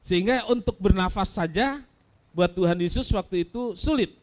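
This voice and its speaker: A man with an Indonesian accent preaching a sermon as pastor, asking rhetorical questions and swinging between loud cries and soft low asides. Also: normal speed. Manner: addresses listeners as saudaraku.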